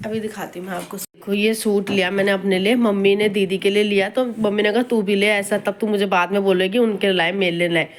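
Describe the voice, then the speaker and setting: A woman's voice: medium pitch, flat delivery, fairly quick, hardly any pauses. A young woman, chatting casually and at length in a home vlog, recorded on a phone with faint household noise. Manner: chatty, rambling, scolds a toddler between remarks. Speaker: vlogger.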